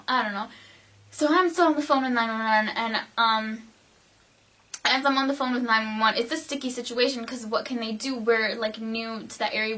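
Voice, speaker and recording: A young woman vlogger telling a dramatic personal story in a rambling, animated way, full of "like". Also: fairly high pitch. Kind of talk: storytime vlog.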